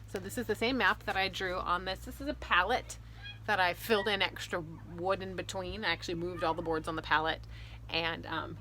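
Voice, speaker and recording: A woman in her thirties or forties, a fantasy author hosting her own video, chats casually and expressively with viewers, explaining things in vlog style. Her voice sits on the low side and sounds pushed and bright. Faint ambient noise hums behind her.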